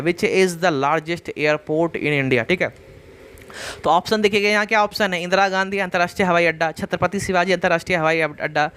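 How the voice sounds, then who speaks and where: High-pitched guy running an online gk quiz class, keeps repeating answers, super casual with viewers. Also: fairly bright tone, clean tone. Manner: repetitive, drills answers with rhetorical "kya hai?"; casual, addresses viewers as bhaiya and yaar. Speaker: GK quiz teacher. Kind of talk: online exam-prep class.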